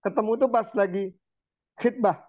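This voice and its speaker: A man preaching in a relaxed, chatty way, telling stories with lively turns and chanting verses slowly. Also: high voice, no room sound. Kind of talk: casual religious talk. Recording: tinny phone-like sound.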